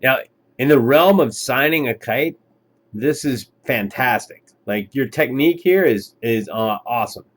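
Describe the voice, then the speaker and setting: A man kiteboarding instructor giving easygoing, encouraging commentary over lesson footage, pausing often with fillers. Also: medium pitch, expressive, slight background noise.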